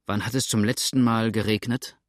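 A man voicing a sharp-eyed male hunter in an audiobook, speaking in a pointed, commanding way. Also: fairly low pitch, steady tone, moderate pace, no room sound, clean studio sound, natural voice. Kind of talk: audiobook character reading.

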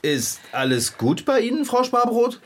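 A woman's voice: on the high side, big pitch swings, moderate pace, husky. An actress voicing a cheeky, blunt male character in a children's audio drama.

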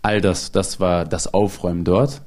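Male comedian, lower register, casual storyteller who voices the people he quotes. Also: moderate pace. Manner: animated, acts out quoted people; laughs often while telling.

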